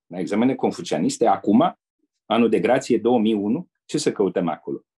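An older man from Romania, a retired diplomat, telling anecdotes as a guest in an interview in a measured way. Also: on the low side, animated, mellow, husky. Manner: measured storyteller who acts out quoted people.

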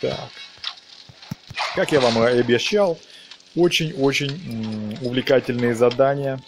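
A man gives casual, playful let's play commentary, talking along with the action of a video game and using diminutives. His voice is medium-pitched and unhurried, with music playing in the background.

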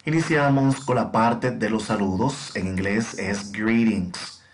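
Slow, deliberate male English teacher. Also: fairly low pitch, a little hiss or hum. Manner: slow, clear, deliberate drilling. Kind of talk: bilingual language lesson with repetition drills.

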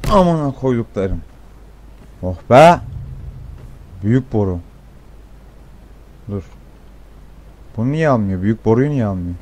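A young man commenting on his gameplay, excitable and swearing a lot, with sudden shouts. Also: fairly low pitch, moderate pace, long pauses. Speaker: gameplay streamer.

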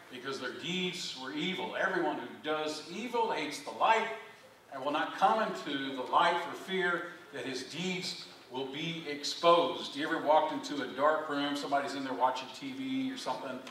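A male pastor preaching a sermon, animated, with rhetorical questions and repeated phrases, recorded from a distance in a church. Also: mid-range voice. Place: church sanctuary. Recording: echoey church from a distance, faint room noise.

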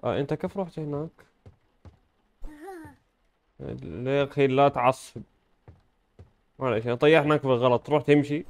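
Man, gaming host, casual play-by-play, jokey with sudden loud outbursts. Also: medium pitch, fast, creaky. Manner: playful, joking, bursts of loud exclamation. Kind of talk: casual gameplay commentary.

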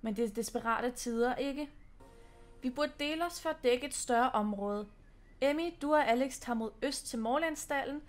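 A woman's voice: high voice, faint music behind, natural voice. A woman reading the lines of a wise, solemn druid woman from a horse game. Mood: urgent.

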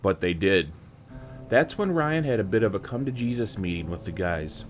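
A man's voice: on the low side, animated, normal speed, faint music behind. A man narrating a documentary in a conversational storytelling style.

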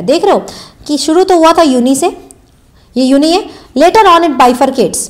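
A young Indian woman giving a live biology lecture, mixing English terms into Hindi, calling students "beta" and quizzing them by repeating key answers. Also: high voice. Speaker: biology teacher. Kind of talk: live online exam-prep lecture.

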